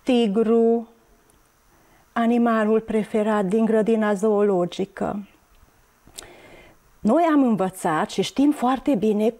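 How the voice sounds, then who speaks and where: Woman, schoolteacher, slightly high-pitched, careful letter-by-letter delivery. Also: dark tone. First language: Hungarian. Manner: slow, clear, spelling out letters one by one. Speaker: primary school teacher. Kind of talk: televised classroom lesson.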